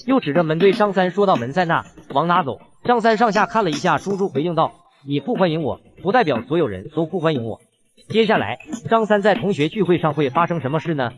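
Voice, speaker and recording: A man narrates a short-drama recap video in a scripted storytelling voice. He talks fast, with a lively pitch that rises and falls. His voice sits slightly higher than most men's.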